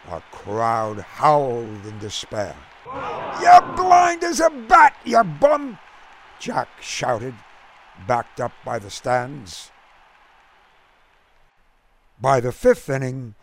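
Slow, gravelly male storyteller. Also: mid-range voice, a little hiss or hum. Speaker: narrator. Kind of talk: storybook narration.

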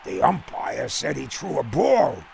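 A man voicing an excitable, blunt baseball fan who explains the game impatiently, in a storybook reading. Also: medium pitch, measured pace, vocal fry, a little hiss or hum, exaggerated voice. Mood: explaining, impatient. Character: brash, excitable baseball-loving American man.

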